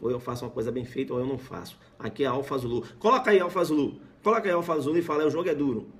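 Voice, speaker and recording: A man with a Brazilian Portuguese accent teaching law in a live-streamed lecture, animated and keeps checking that listeners follow. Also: mid-range voice, very fast. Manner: animated, keeps checking understanding, acts out scenes.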